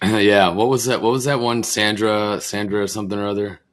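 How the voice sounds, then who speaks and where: A man hosting a casual podcast, his voice hoarse and croaky like a frog because he is sick. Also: lowish voice, flat delivery, normal speed, a bit bright. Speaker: podcast host.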